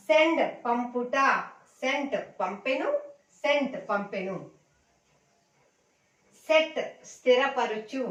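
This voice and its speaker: A woman's voice: fairly high pitch, fairly bright tone, distant mic. Woman chanting vocabulary drills in an echoey room. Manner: recites word lists in a repetitive chant, addresses viewers as friends. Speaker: English teacher. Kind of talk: slow drilled vocabulary lesson.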